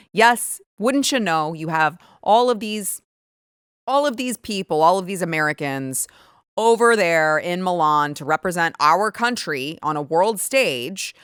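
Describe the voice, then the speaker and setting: A woman's voice: fairly low pitch, fairly bright tone, smooth, no echo, clean studio sound. A woman hosting her own show, giving sarcastic, emphatic and indignant political commentary. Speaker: show host.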